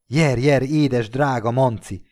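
A man's voice: medium pitch, animated, darkish tone, voice pushed up, lightly acted. A man voicing a lovesick doting woman. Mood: gushing. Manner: pleading, gushing. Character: doting middle-aged woman, lovesick and meek.

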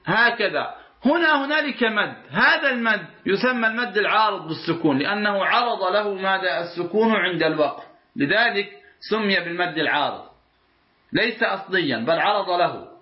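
High-voiced man teaching recitation, roomy sound. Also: highs cut off. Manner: asks the class "what?" and answers himself; drawls out the words he demonstrates. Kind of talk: explaining a recitation rule line by line.

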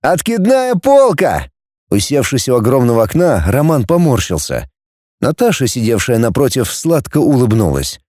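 A man narrates an audiobook, his voice soft and mellow as it rises and falls in lively storytelling. The recording is dry and close, with no echo around it. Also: medium pitch, moderate pace. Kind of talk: scripted narration.

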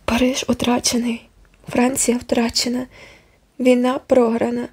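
A woman's voice: fairly high pitch, completely flat delivery, measured pace, a little mellow, slightly rough, voice pushed up. A woman reading the part of an earnest young woman in a storybook, speaking with breathless passion. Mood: despairing. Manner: impassioned, breathless.

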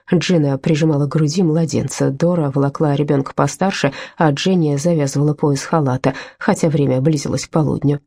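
Low-voiced, mellow woman narrator. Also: slightly rough. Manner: measured storytelling. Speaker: audiobook narrator. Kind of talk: scripted narration.

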